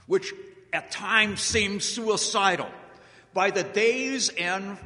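American male speaker for a history talk: slow, deliberate, theatrical pauses, big echoey hall. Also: high voice, pushed and bright. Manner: deliberate, dramatic, with emphatic pauses. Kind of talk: public storytelling speech on history. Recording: echoey hall with long reverb.

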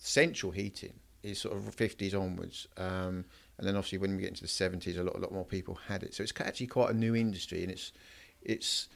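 A man's voice: deep voice, gravelly. A man from East Anglia interviewing tradesmen in a casual chat, asking long rambling questions. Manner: chatty, asks rambling questions. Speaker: host.

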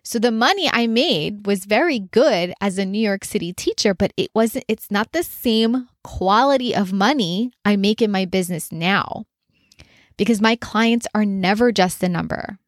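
Woman, business coach, earnest, conversational, filler-heavy, mid-pitched, dry close mic. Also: moderate pace, dry recording. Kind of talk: solo podcast monologue.

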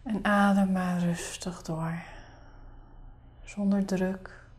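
Soft half-whispering woman guiding meditation. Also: medium pitch, flat delivery, slow pace. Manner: soft, breathy, half-whispered, soothing delivery. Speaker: guided meditation leader. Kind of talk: guided meditation.

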